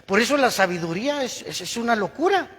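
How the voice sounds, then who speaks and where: A male pastor from preaching a sermon. He asks the congregation questions and slows down to read scripture aloud. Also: extremely high pitch, sing-song, a bit bright, husky, big-room sound, low-quality recording.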